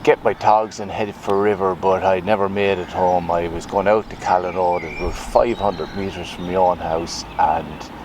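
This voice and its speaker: A man's voice: low voice, fairly even intonation, moderate pace, few pauses, noisy background. A middle-aged Irish man, a retired butcher, telling his story in an interview, hesitant and reflective with many fillers. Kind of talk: personal testimony interview.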